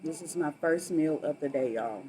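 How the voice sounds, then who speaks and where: A person chatting casually while eating, with savoring hums and drawn-out, repeated words between bites. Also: medium pitch, rough recording. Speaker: mukbang host. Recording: noticeable steady background noise.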